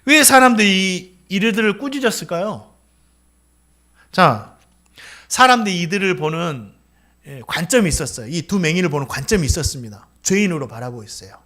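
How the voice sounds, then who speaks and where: A male pastor delivering a sermon in a strikingly high voice. He preaches dramatically, acting out the voices of the people he quotes, and his tone is bright and forceful throughout. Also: animated, moderate pace. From South Korea.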